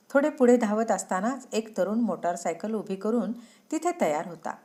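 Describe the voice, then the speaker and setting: A woman's voice: medium pitch, a little mellow. A woman narrating a moral story in an earnest, dramatic way.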